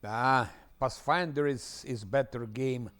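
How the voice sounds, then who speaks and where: A male game streamer with an Eastern European accent talks through his play in a casual, unscripted way. His voice sits at an ordinary middle pitch for a man, and he often drops into quiet muttering. He breaks off and restarts his sentences as he thinks. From Ukraine. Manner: mutters quietly while playing, halting restarts. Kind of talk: casual gameplay commentary.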